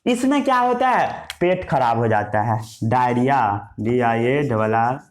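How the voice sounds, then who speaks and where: Lively-voiced man teaching a science class. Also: medium pitch, a little slow. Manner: repetitive question-and-answer teaching, writing as he talks. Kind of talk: Hindi science lesson with English terms.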